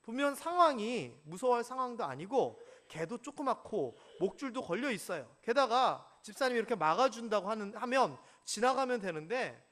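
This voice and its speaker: A man's voice: very high-pitched, moderate pace, few pauses. A male pastor preaching a sermon in a church, questioning the congregation and acting out stories. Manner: animated, asks the congregation questions, acts out stories. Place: church sanctuary.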